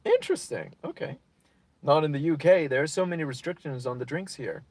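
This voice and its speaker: A man's voice: fairly high pitch, fairly quick, a little mellow, no room sound. Goofy rambling man hosting a livestream. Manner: rambling, goofy, improvises silly rhymes. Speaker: livestream host. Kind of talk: casual livestream chat, reading comments.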